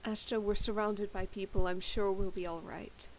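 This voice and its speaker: A woman player in a tabletop game, narrating her character's actions and bantering with quick laughter. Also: mid-range voice, steady tone.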